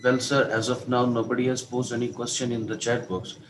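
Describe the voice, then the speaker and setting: A man moderates an online session over a video call, thanking the speaker and keeping time in a polite, formal manner. Faint noise sits behind his voice. His pitch is mid-range. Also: little pitch movement, fairly quick.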